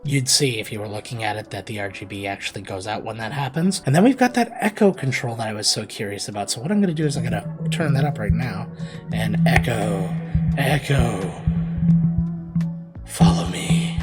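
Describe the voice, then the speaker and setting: A man's voice: medium pitch, expressive, fast talker, hardly any pauses, over loud music. Chatty man unboxing audio gear. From Canada. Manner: upbeat, chatty, joking. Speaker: tech reviewer and YouTuber. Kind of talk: casual unboxing review.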